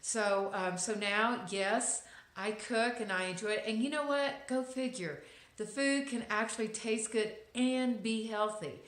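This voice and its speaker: In an echoey room, a Texan woman in her fifties vlogs straight to camera, offering a casual, reflective inspirational talk full of wry asides and frequent ums. Her voice is fairly high, a little slow, and a bit bright.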